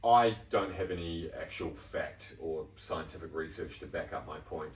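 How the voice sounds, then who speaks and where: A man's voice: sits low, moderate pace. A young man with a New Zealand accent co-hosting a podcast, laid-back and earnest, now and then tripping over his phrasing. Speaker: podcast co-host. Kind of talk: casual chat. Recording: roomy room, mic at a distance.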